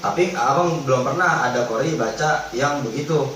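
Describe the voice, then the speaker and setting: A man teaching Quran recitation rules in a religious study lesson, explaining in relaxed everyday speech and chanting drawn-out recited examples. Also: medium pitch. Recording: echoey hall, distant mic, faint background noise.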